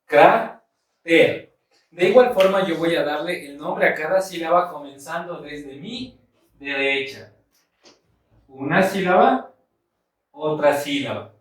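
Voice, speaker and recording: A man teaching a grammar lesson at a board, speaking slowly and deliberately and repeating the key points. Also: a little high, animated. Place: room with a board. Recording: echoey room, mic far off.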